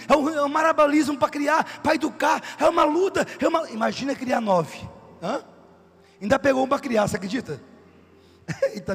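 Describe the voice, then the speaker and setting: A man preaching a testimony sermon, emphatic and sometimes shouting, asking the congregation questions. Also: very high-pitched, creaky, slightly rough, big-room sound.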